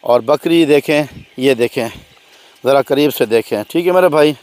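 A middle-aged Pakistani goat farmer outdoors on his farm, giving a friendly sales pitch and showing his goats to the phone camera. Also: moderate pace, darkish tone, dry recording. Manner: friendly salesman patter, keeps saying "my brother". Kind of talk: casual sales vlog. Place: outdoors on a farm by open fields. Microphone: handheld phone camera.

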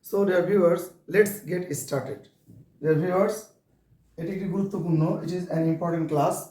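Male teacher with a Bengali accent, slightly high and mellow, spells words aloud, recorded far off in a very echoey room. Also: extremely slow. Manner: repeats "dear viewers", spells words letter by letter. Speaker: English teacher. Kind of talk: classroom lesson to camera.

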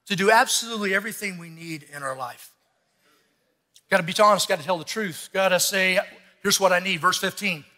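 Male pastor, sermon delivery, emphatic and bright-edged, amplified with long hall reverb. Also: high voice. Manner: emphatic, exhorting, repeats phrases for effect. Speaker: pastor preaching. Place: large church stage, indoors.

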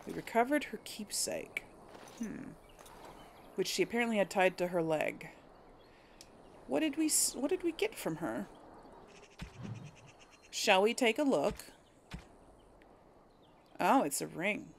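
A woman hosting a gaming video gives casual let's play commentary, chatting to viewers and musing aloud, with video game ambience and effects behind her. Her mid-range voice is sing-song, slow and creaky, with long pauses and slight background noise.

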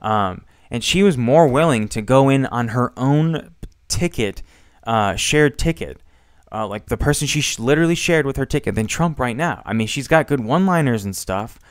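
A man's voice: mid-range voice, lively intonation, smooth, no echo, studio quality. A young man giving rambling, frustrated commentary on a debate, with many fillers and some swearing. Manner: rambling, halting, heavy with fillers. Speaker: political commentator.

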